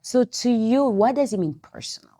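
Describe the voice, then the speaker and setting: A woman's voice: a little high, brisk, dark tone. A woman from the Democratic Republic of Congo hosting a TV interview, often affirming her guest. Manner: affirming, frequent "mm-hmm". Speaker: TV interview host.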